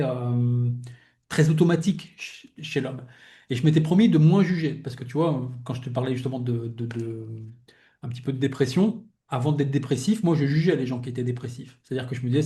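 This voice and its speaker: A medium-pitched, mellow male voice belongs to a young podcast host in casual, heartfelt conversation with a guest. He thinks out loud about personal matters, meanders, frequently starts sentences over and peppers his talk with "tu vois."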